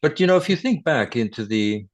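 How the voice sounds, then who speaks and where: An older man, a guitarist and record producer, telling stories in a relaxed interview with chuckles and self-corrections. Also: medium pitch, fairly quick, dry recording. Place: his home.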